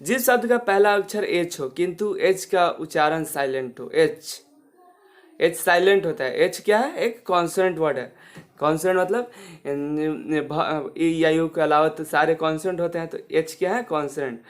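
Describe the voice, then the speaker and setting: A man's voice: on the high side, moderate pace. A male teacher with a Hindi accent gives an English grammar lesson in a classroom. He keeps asking the class questions and then answers them himself. He repeats the key words.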